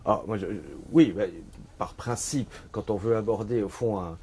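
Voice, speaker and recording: A man's voice: on the low side, moderate pace, a little mellow, slightly rough. A middle-aged man from Switzerland, an author presenting his book in a bookshop, talking with many fillers and restarts. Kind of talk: bookshop talk.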